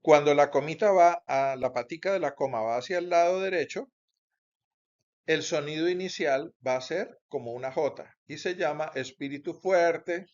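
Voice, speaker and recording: Male teacher, slow deliberate lecturing, dull lo-fi sound. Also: fairly high pitch. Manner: slow, deliberate explaining with pauses and self-corrections. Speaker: Bible Greek teacher. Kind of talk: recorded class lecture. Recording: dull lo-fi recording.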